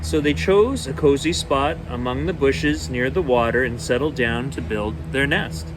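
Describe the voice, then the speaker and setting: A man's voice: medium pitch, normal speed. A man reading a children's storybook aloud as a bedtime story, with narration in an everyday voice. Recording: clear steady background noise.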